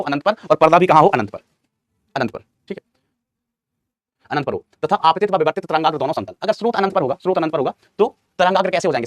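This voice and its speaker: A man's voice: a little high, dry recording. A male physics teacher giving a classroom lecture, quizzing his students, answering his own questions and repeating key terms, calling them son and brother.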